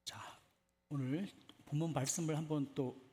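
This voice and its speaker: At a church retreat, a preacher with a somewhat high, warm voice gives a conversational sermon at normal speed, his tone holding steady. He puts questions to the congregation and often repeats short affirmations. A little hiss or hum sits under the recording.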